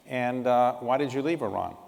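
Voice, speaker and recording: A man's voice: mid-range voice, moderate pace, gravelly, a little mellow. A man interviewing a guest on stage, asking blunt, probing questions with a wry edge. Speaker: interviewer, club president. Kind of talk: onstage interview. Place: large hall on stage. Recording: long hall reverb.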